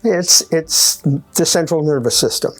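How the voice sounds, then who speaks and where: A man in his eighties giving a testimonial interview as a chiropractic patient. He talks haltingly with many restarts and lists his points by number. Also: on the high side, soft background music. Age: 80s.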